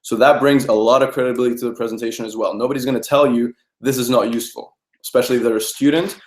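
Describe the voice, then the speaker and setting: Fast-talking young man, echoey room. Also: medium pitch, fairly even intonation. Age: young adult. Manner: rapid, persuasive, rhetorical questions with "okay?". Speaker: network marketing trainer. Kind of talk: training talk to a group. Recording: roomy echo.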